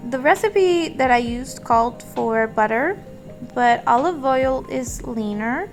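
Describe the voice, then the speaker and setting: A woman's voice: high voice, expressive, slow pace. A woman with a slightly scratchy, off-sounding throat gives a casual, chatty cooking voice-over, explaining each step without hurry. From Portugal. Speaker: home cook hosting a recipe vlog. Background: background music.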